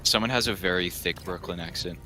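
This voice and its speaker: Low, bright-toned man chatting while gaming. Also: brisk, soft background music. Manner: rambling, enthusiastic, trails into tangents. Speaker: streamer. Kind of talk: casual gaming stream chat.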